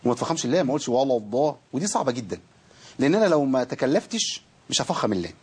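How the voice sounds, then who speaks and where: A man with an Egyptian Arabic accent teaching Quran recitation in a TV studio, explaining eagerly and stretching sounds out slowly to demonstrate them. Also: mid-range voice, sing-song, breathy edge. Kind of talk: televised teaching lesson. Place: television studio.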